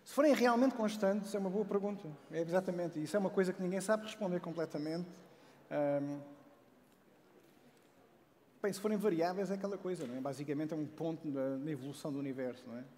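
A man's voice: a little high, fast talker. A man in his forties with a European Portuguese accent, giving a casual public science talk on a large auditorium stage through a headset mic, full of restarts and tag questions. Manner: animated, many restarts and "não é?" tags, joking asides. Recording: long hall reverb.

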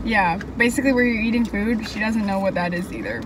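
A woman's voice: mid-range voice, fast, a loud crowd, rough recording. A teenage girl vlogger chatting casually in a parked car, giggly and rambling, while eating fries. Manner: giggly, rambling, self-interrupting. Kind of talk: casual chat. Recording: steady car and street noise.

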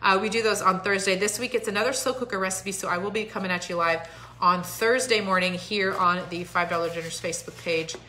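A woman in her thirties talks into a phone at arm's length in her living room, hosting a live stream. Her voice is bright and forward, and her manner is chatty and encouraging, with lots of fillers. The room adds a noticeable echo. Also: mid-range voice, steady tone, brisk, slight background noise. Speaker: host. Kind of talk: casual live-stream talk. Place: home living room, indoors.

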